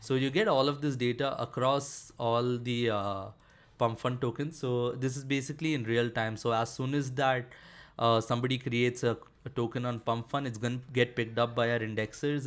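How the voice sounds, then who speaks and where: A man's voice: mid-range voice, fairly even intonation, moderate pace, clean tone. A man presenting a screen-share programming tutorial, explaining casually with frequent fillers like "uh" and "basically".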